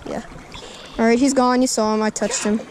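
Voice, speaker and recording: A man filming himself fishing in a river with an action camera, chatting casually and shouting whenever a fish bites. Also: very high-pitched, brisk, a crowd in the background. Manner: excitable, shouts when fish are hooked. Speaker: angler filming a fishing trip. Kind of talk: casual excited chat. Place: outdoors standing in a river. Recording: outdoor camera audio with river noise.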